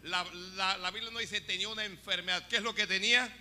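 A male preacher giving an animated sermon and talking straight to the congregation in an echoing church hall. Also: sits high, a little fast. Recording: echoey hall with faint music.

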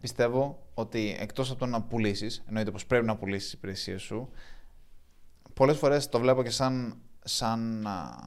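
A man co-hosting a casual business podcast, calmly reasoning things through and asking follow-up questions. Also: mid-range voice. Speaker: podcast co-host.

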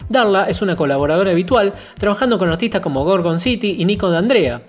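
A man's voice: high voice, lively intonation, fast. A man presenting a radio music show, reading artist introductions in an announcer's delivery. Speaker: radio host.

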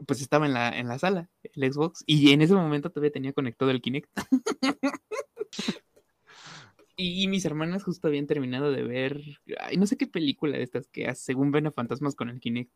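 A young man with a Mexican accent in a casual chat, relaxed and chuckling as he tells a story. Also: on the high side, a little fast, dry recording, clean studio sound. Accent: Mexican Spanish.

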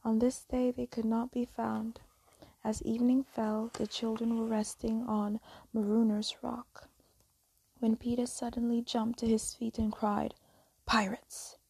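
A woman telling a fairy tale as a soft, slow, whispered bedtime story reading. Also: a little high, little pitch movement, gravelly, breathy edge, no room sound, poor audio.

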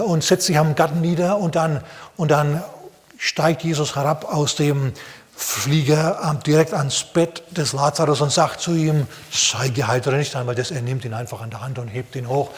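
A man preaching a sermon, telling the story in a lively way with playful asides and sound effects. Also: fairly high pitch, long reverb tail. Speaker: pastor.

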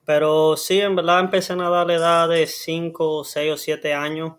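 A young man with a Dominican Spanish accent, pitched a little high. He tells stories in a relaxed, chatty podcast-guest way and acts out little sounds as he goes. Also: moderate pace. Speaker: guest, Olympic swimmer. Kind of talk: casual storytelling.

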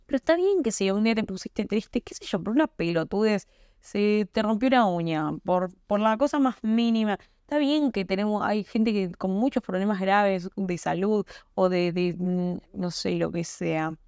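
A woman's voice: mid-range voice, normal speed, darkish tone, smooth, no echo, studio quality. A young woman with an Argentine accent hosting a podcast, talking casually and emphatically with rhetorical questions. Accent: Argentine Spanish. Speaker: podcast host. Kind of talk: casual monologue.

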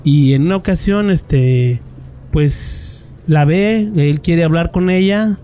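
A man's voice: fairly high pitch, takes it slowly, dark tone, slight background noise. A man with a Mexican accent telling a story in casual, slangy chat, full of restarts and filler slang. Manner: slangy, peppers speech with "güey", many restarts. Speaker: podcast co-host telling a story.

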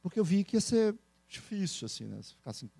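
Animated fast-talking Brazilian man. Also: sits high, creaky, breathy edge, no echo. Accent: Brazilian Portuguese. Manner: animated, laughing, quick storytelling. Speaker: guest speaker and entrepreneur. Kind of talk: casual interview talk.

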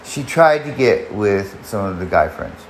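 A man's voice: lowish voice, lively intonation, unhurried. Rambling man telling a story, roomy echo. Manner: rambling, profane, many restarts. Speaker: podcast host. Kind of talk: personal storytelling monologue. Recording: echoey room, faint background noise.

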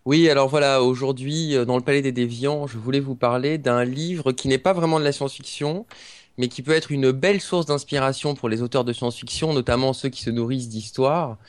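Podcast columnist, male, mid pitch, dry close sound, earnest and halting delivery. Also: no echo. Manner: earnest and hesitant, with frequent filler pauses. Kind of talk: podcast book review.

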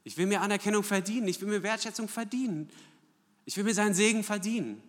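A man's voice: high voice, fast talker, fairly bright tone. A man preaching a sermon, asking rhetorical questions and often checking in with "ja?". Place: church hall. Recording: long church hall reverb.

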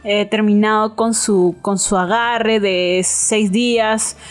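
A woman's voice: mid-range voice, steady tone, slow pace. A woman co-hosting a casual chat, frank and giving blunt advice straight to listeners. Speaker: podcast co-host.

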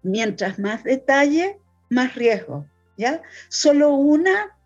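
A woman explaining suicide prevention in a calm, measured way, often checking in with the listener. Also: high-pitched, husky. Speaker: mental health educator. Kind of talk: explanatory talk. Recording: dull lo-fi sound with faint music.

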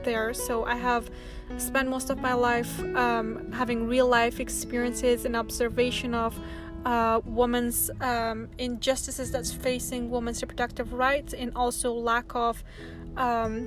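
A woman from Afghanistan talking earnestly on her solo podcast, pausing often with ums and uhs. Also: fairly high pitch, flat delivery, over music. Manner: earnest, halting, many ums.

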